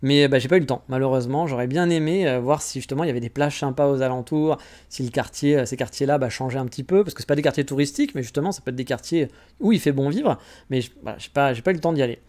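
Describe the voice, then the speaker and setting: Fast-talking rambling man. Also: medium pitch, a little mellow. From France. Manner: chatty, rambling, self-mocking. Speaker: podcast host. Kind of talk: casual travel chat.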